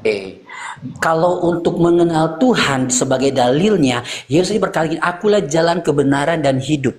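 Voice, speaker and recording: High, lively man who keeps interrupting. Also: normal speed. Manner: interrupting, mocking, rambling. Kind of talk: heated live debate.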